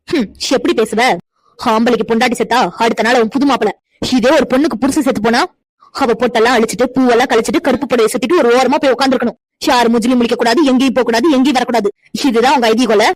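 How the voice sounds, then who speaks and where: A woman's voice: on the high side, dry recording, close to an everyday voice. A woman voicing a defiant young woman in a cartoon, indignant and lecturing as she defends her friend. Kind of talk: cartoon voice acting.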